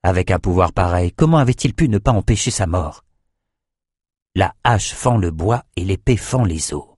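Low-voiced man reading a dark fantasy novel. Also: expressive, normal speed, breathy edge, dry recording, clean studio sound. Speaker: audiobook narrator. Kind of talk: scripted narration.

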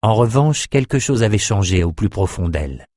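A man narrating a fantasy novel in a steady, measured audiobook reading. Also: lowish voice, no echo, studio quality.

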